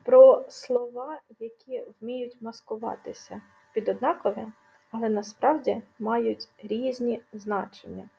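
Female teacher, scripted video lesson, gravelly dark tone, clear stressed examples. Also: fairly high pitch, steady tone, measured pace, lo-fi sound. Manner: clear explanatory delivery with stressed example words. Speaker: language teacher.

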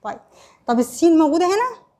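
A woman's voice: very high-pitched, very animated, fast, mellow. A woman teacher with an Egyptian accent giving an online primary school Arabic lesson, quizzing pupils with questions she answers herself and checking in with short tags. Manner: repeats "خلاص؟" and "ماشي؟" to check understanding.

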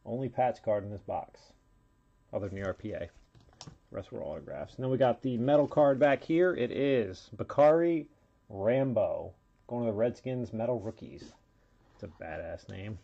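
A man's voice: on the low side, animated, normal speed, creaky, mellow, breathy edge. A man hosting a live trading card break, casually calling out player names and serial numbers as he opens packs, in a dull lo-fi recording.

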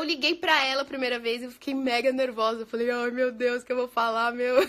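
Answering viewers' questions during a casual live chat at her US home, a Brazilian English teacher laughs frequently and drops in English phrases. She speaks in a high, sharp-toned voice.

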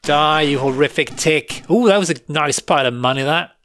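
A man's voice: on the high side, normal speed, a bit bright, dry recording, clean studio sound. A man giving live commentary while playing a retro game, grumbling sarcastically and laughing at his own frustration. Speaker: retro gaming video host.

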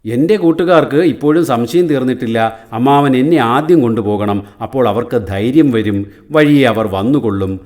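A man's voice: medium pitch, normal speed, a little mellow, voice pushed up, lightly acted. A man doing a clever crab chief. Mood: coaxing. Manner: questioning, coaxing.

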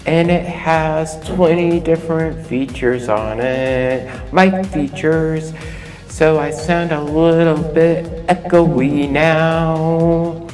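A man's voice: on the high side, drawn-out words, a little mellow, faint music behind. A man reviewing a product in a rambling, casual way, his voice coming through a karaoke microphone speaker with a slight echo. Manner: rambling, repetitive.

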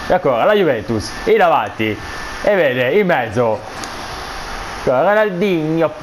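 A man giving excited football video game commentary, explosive and foul-mouthed, cursing between shouted player names. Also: on the high side, normal speed, noisy background.

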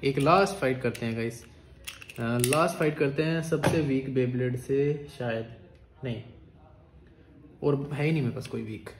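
Chatty excitable young man in an echoey room. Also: mid-range voice, moderate pace, vocal fry, long pauses. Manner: chatty, excitable, calls viewers "bhai" and "guys". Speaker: YouTuber. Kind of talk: casual unboxing and battle commentary. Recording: echoey room with loud noise.

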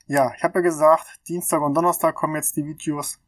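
A man in his thirties with a stuffy cold hosts his own channel, casually working through technical calculations out loud with plenty of fillers. His voice sits fairly high and comes out flat and a bit quick. He's on a laptop webcam mic in a small room, yet the audio sounds studio-quality with no room sound.

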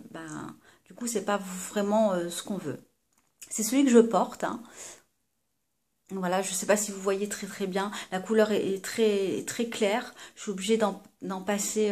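A woman's voice: mid-range voice, measured pace, darkish tone. A woman chatting casually to her viewers as she reviews a cosmetics order, with many hesitations, fillers and restarts. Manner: chatty, addresses viewers directly. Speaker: beauty vlogger.

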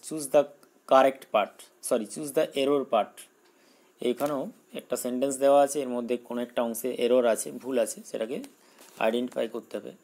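Man, exam-prep teacher, slow careful reading, then quick explanations. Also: mid-range voice, a little mellow, low-quality recording. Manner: reads English questions slowly, explains in Bengali. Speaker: English teacher. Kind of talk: exam-prep grammar lesson.

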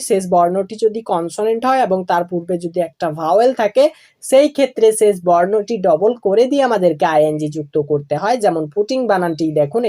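In a classroom explanation, a woman with a mellow voice teaches English grammar, moving slowly and deliberately through each verb form and letting her phrases drop low at the ends.

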